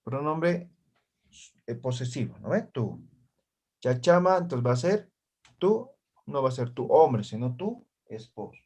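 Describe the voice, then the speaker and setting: Online class teacher, male, patient and repetitive, slow delivery, video-call sound. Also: mid-range voice, very animated, darkish tone, husky. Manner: slow, repeats words and checks with "¿ya?" and "¿no ve?". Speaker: Aymara language teacher.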